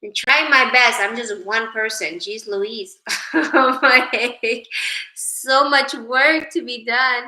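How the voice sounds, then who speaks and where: Reading viewer names aloud during a relaxed livestream, a chatty host from Sweden wanders off into spiritual thoughts on consciousness. She speaks slowly in a sharp, rather high voice, and the rough recording carries room echo.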